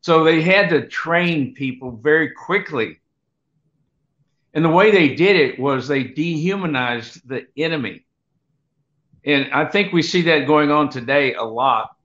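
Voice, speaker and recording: A man's voice: a little high, a bit bright. Older man rambling through a grandpa story. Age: 70s. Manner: halting, unhurried, digressive. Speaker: guest, Vietnam veteran. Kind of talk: rambling grandpa-style storytelling, personal war reminiscence. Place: home room, on a video call. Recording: dull, lo-fi video call audio.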